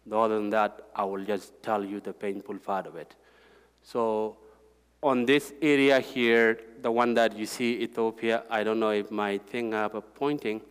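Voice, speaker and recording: A man's voice: on the low side, little pitch movement, smooth. Man speaking in an echoing hall. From South Sudan. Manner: halting, repeats words, plain heartfelt. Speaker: guest speaker. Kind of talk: personal testimony talk with slides. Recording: hall reverb.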